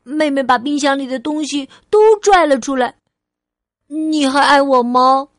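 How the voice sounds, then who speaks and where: A curious, anxious little girl from a storybook, speaking in a high, eager child's voice, as a woman reads her lines. Her questions come slowly, one careful word at a time. The sound is dry and close. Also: no room sound. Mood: pleading. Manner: asks questions in a higher, louder child voice.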